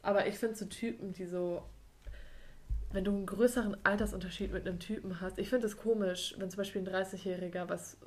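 A woman co-hosting a casual podcast chat, speaking in a flat, even tone. Her pitch sits mid-range, and she often chimes in with agreement before adding her own remarks. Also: a little fast. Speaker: podcast co-host.

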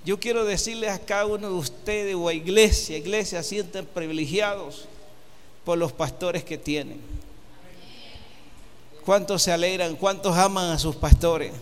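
High-voiced fervent male preacher. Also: unhurried, in a large hall, a little hiss or hum. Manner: rising to loud fervent exhortation, leads call and response. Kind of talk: sermon.

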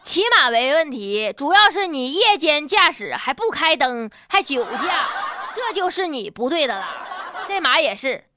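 Casting: woman comedy news host, Northeastern Mandarin accent, very animated high voice, sassy mocking storytelling. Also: normal speed, background noise. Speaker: host of a comic news commentary show. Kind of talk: comedic news commentary with punchlines.

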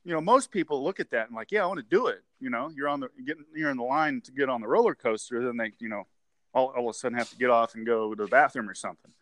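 A man's voice: mid-range voice, rapid-fire, a bit bright, dry recording. A man of forty talks through a story on a casual interview show, looping back and repeating words as he goes, laughing now and then. His voice sits in a middle range and the sound is close and dry, with no room around it. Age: 40s. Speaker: guest.

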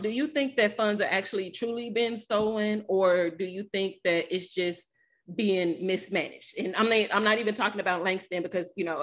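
A talkative, outgoing woman from Arkansas with an Arkansas accent, hosting a casual discussion and telling stories. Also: on the low side. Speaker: host.

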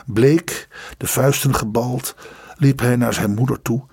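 A man reading a story aloud in measured, dramatic audiobook narration. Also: mid-range voice, fairly even intonation, gravelly, darkish tone, breathy edge, dry recording, studio quality.

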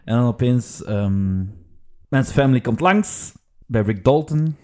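A man raving about a movie in a casual podcast. He hesitates often and keeps reaching for words with ehm. His voice has a plain, medium pitch. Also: expressive, unhurried, a little mellow. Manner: enthusiastic, hesitant with many fillers. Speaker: podcast co-host. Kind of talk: casual film-discussion chat.

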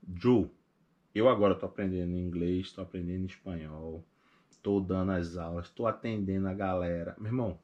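A young man with a Pernambuco accent, a podcast guest in casual chat, telling his story with animated retellings of past conversations. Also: low voice, normal speed, dull audio. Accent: Pernambuco Portuguese. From Recife, northeast Brazil. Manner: animated, acts out past conversations in quoted voices.

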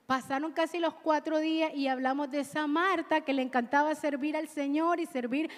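Woman preacher, high voice, exhorting sermon, long church reverb. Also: steady tone, normal speed. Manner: exhorting, call-and-response with the congregation.

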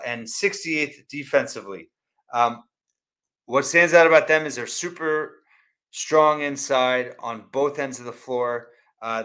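Male sports podcast host, bright forceful voice, medium pitch, halting stat-heavy game preview. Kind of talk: off-the-cuff game preview analysis with stats.

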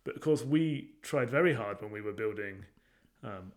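A man's voice: fairly low pitch, animated, moderate pace. A man in casual chat as a podcast co-host, asking thoughtful questions with many fillers and restarts.

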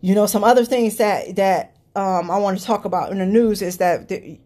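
A woman's voice: medium pitch, steady tone, moderate pace, warm tone. A woman hosting her own podcast, ranting bluntly about politics with plenty of swearing and an exasperated manner. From Cleveland area. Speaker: podcast host. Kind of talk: solo political rant podcast.

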